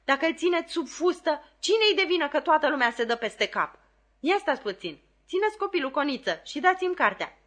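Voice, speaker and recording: A woman reading an audiobook aloud and voicing a bustling, scolding young nursemaid who exclaims loudly. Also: on the high side, lively intonation, hardly any pauses. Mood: exclaiming.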